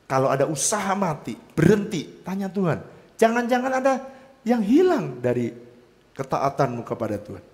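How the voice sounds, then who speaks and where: A man preaching a sermon as pastor, telling his story with swings between loud and soft delivery. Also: high-pitched, sing-song, moderate pace. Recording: long hall reverb.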